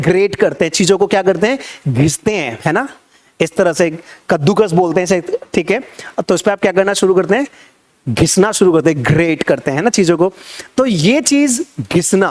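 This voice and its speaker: A young man teaching English vocabulary in Hindi, repeating each word and quizzing his viewers as he goes. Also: high-pitched. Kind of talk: Hindi-language vocabulary lesson.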